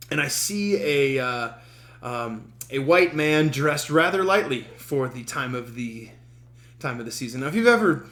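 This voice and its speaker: Rambling man with a bright voice. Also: medium pitch, echoey room. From Denver, USA. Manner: rambling, halting delivery full of ums; wry, self-amused humor. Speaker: podcast host. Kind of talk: casual storytelling monologue.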